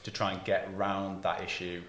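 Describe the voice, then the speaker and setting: A man's voice: deep voice, completely flat delivery, normal speed, fairly bright tone, roomy sound, a little hiss or hum. A man in a casual podcast chat, an expert on packaging who explains things earnestly.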